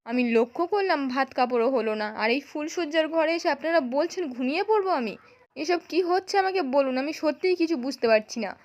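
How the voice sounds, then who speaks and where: A woman's voice: high voice, animated, a little fast. A woman voicing a young woman advocate, a proud and wronged bride who keeps asking indignant questions. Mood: pleading.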